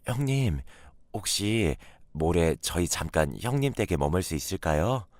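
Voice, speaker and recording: A man's voice: sits low, big pitch swings, a little slow, a little mellow, no echo. A man voicing a polite, deferential young woman in a radio drama. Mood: pleading. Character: young woman, tearful and modest sister-in-law.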